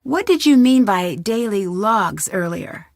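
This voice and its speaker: A woman voicing a curious young female detective in a game, asking brisk, direct questions. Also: mid-range voice, expressive, no echo, clean studio sound.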